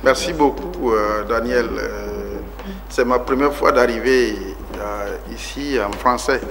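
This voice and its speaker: A politician from Togo in his forties, appearing as a guest on a TV interview, talks earnestly about his life with many fillers and rising emphasis. His mid-range voice is slow and creaky, with crowd noise behind him.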